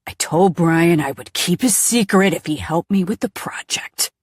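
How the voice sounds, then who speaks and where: A woman voicing a cornered, yelling father. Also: fairly low pitch, moderate pace, husky, dry recording, clean studio sound. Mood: desperate. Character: cornered middle-aged father, angry then weeping.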